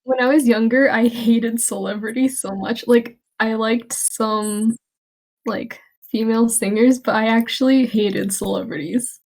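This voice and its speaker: A young woman trades quick casual banter with friends on a podcast. She laughs often, and her voice sits a little high. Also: steady tone, gravelly, a little mellow. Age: young adult. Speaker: student club officer, guest. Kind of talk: casual chat.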